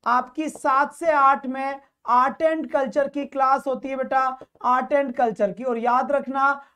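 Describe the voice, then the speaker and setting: High-voiced male exam-prep teacher. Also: fairly bright tone. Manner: quizzes students and calls them "beta"; explains English grammar in Hindi with English terms. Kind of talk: online exam-coaching lesson.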